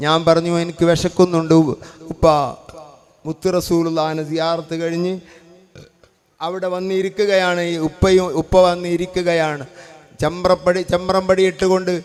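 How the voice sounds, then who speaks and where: Male preacher, high steady voice, emphatic repetition. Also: smooth. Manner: emphatic, repeats phrases for stress. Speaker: Islamic preacher. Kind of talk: sermon.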